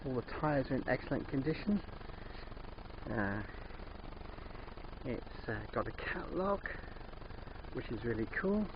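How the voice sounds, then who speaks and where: An older man with a thick, sore, swollen-sounding throat, narrating a casual DIY vlog in a hesitant, unhurried way. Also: medium pitch, sing-song. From England. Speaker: DIY van converter presenting. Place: in and around a van. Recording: dull muffled sound, background vehicle noise.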